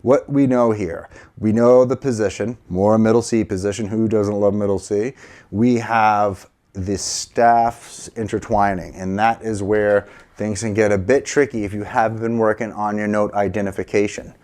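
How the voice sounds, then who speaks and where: A man's voice: lowish voice, steady tone, normal speed, a little mellow. A middle-aged man teaching a casual piano lesson, encouraging and counting aloud, a little sleepy. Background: piano playing.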